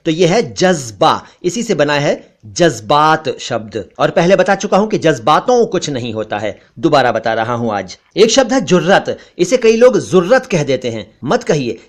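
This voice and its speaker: A middle-aged man teaching word pronunciation slowly and deliberately, repeating each word for clarity. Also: high voice. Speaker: language teacher. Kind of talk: pronunciation lesson voice-over.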